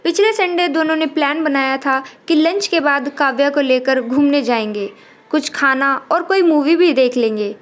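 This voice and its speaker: A woman narrates a scripted story in a steady, measured reading voice. Her pitch sits high. She tells it plainly, without much show.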